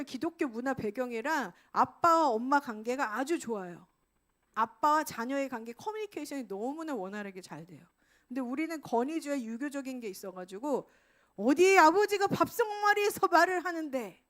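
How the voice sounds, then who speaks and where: A high-voiced middle-aged woman preaching to her congregation. She talks lively and casually, acting out little quoted scenes as she goes. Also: normal speed. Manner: lively, acts out quoted lines. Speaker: pastor. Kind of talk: sermon.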